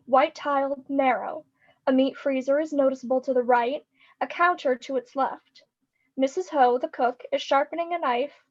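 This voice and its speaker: A woman reading the stage directions aloud in a live script reading over a video call, in a steady descriptive manner. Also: high voice, lo-fi sound.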